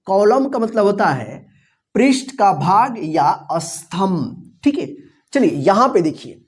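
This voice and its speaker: Slow, patient woman teaching vocabulary. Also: medium pitch, sing-song. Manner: spells words letter by letter and quizzes the listener; repeats each answer and meaning patiently. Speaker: English teacher. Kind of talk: classroom-style vocabulary lesson.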